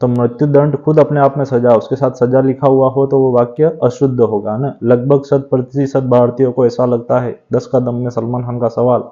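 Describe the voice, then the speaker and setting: Man teaching grammar, mellow and dull-toned. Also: mid-range voice, normal speed, hardly any pauses. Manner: steady explanatory tone with frequent tag question "है ना". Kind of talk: exam revision lecture. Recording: dull lo-fi sound.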